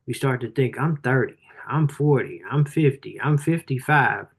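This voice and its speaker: A man in his forties talks to a live audience about his book at an even, middling pitch. His delivery is casual and earnest, encouraging listeners with lots of "you know" and "um". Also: moderate pace, creaky, husky. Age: 40s. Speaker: author and life coach hosting a live book review. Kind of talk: motivational talk on a livestream.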